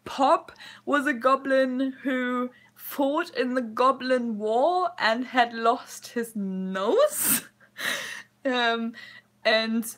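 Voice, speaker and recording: A woman's voice: sits high, fairly bright tone. A young woman vlogger telling stories in a casual, rambling way, with many fillers and frequent giggles. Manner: giggly, laughs often while telling stories. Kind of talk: casual storytelling.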